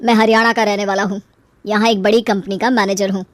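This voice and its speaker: A woman voicing a smooth-talking young man in a cartoon story, in a slightly lowered, coaxing voice. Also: little pitch movement, fast talker, dry recording, lightly acted. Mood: charming. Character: smooth-talking young man, suitor turned taunting husband.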